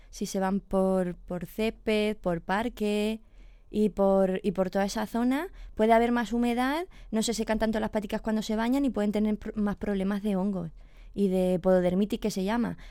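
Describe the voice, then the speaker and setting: On a radio chat, a veterinarian guest patiently explains pet illnesses, checking in with her listener along the way. Her medium-pitched voice is mellow, clear, and resonant, captured dry with clean studio sound.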